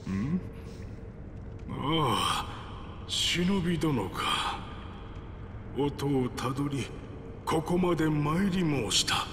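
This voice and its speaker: An actor voicing a samurai drawn by faraway music, speaking formally and wistfully. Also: male voice, fairly high pitch, lively intonation, slow, pauses often, a bit bright, a little hiss or hum. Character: middle-aged male samurai entranced by distant music. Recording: echoey game audio, long reverb.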